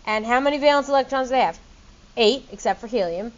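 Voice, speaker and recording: A woman's voice: on the high side, quick pace, muffled recording. A middle-aged woman teaching a chemistry class, quizzing students in a playful, upbeat way. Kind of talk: classroom lecture.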